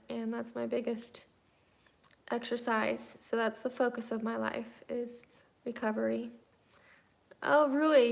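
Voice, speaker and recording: With a fairly high, vocal-fried voice, a woman in her thirties hosts a relaxed livestream, reading out and answering comments from viewers.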